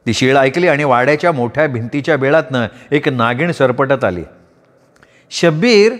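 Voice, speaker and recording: A man narrating a novel aloud as a storyteller, with an expressive, varied delivery. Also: medium pitch, brisk. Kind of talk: dramatic audiobook narration. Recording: long reverb.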